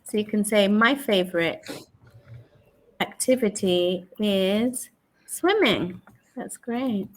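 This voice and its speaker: With a mid-range voice and lively intonation, a woman in her forties from England takes it slowly, leaving long pauses. As an online English tutor, she patiently chats with a young learner and repeats the answers back.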